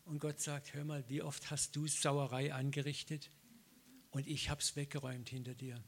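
A middle-aged male preacher in an animated sermon. His voice sits a little high for a man, and he acts out every conversation he retells. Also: normal speed. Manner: lively storytelling, acts out dialogue, laughs often. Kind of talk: sermon with personal stories.

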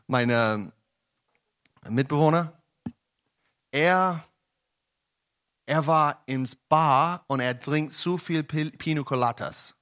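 A young man preaching a sermon in German, with frequent restarts, at times rising to emphatic shouting. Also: a little high.

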